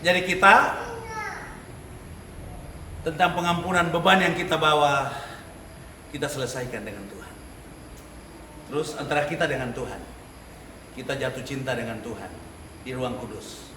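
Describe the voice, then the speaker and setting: A man teaching a church class on leading worship, lively, with rhetorical questions and frequent laughter. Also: mid-range voice, normal speed, long pauses. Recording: echoey room, mic far off, noisy.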